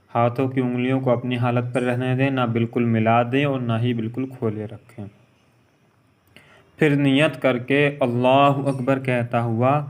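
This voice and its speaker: Man slowly teaching prayer steps. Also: medium pitch. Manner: repeats each step, recites Arabic phrases slowly and chanted. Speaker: religious teacher. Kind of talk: instructional lesson on prayer.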